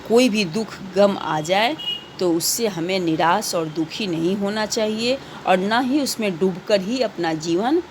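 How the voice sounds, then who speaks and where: A woman's voice: mid-range voice, unhurried, noisy background. A woman teaching a recorded class to children, reading out questions and patiently repeating the answers.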